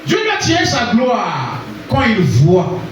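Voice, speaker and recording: A man from Congo preaching a sermon, calling out to the congregation for responses and rising to shouts. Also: high-pitched, wildly swooping pitch, slow pace, slight background noise. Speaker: pastor. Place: church hall. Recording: echoey hall, voice from far off.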